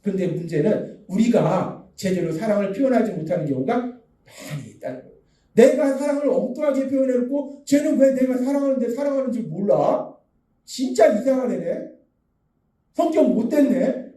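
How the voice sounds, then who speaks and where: A man's voice: very high voice, expressive, fairly quick, dark tone, echoey room, far from the mic. A man preaching a sermon as pastor, asking earnest rhetorical questions. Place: church sanctuary.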